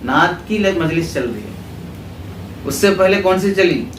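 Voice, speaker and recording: This religious school lecture comes from a man with a somewhat high, expressive voice and a Pakistani Urdu accent. He explains terms and runs call-and-response questions, repeating what students answer. The recording is echoey and distant, with background noise clearly audible.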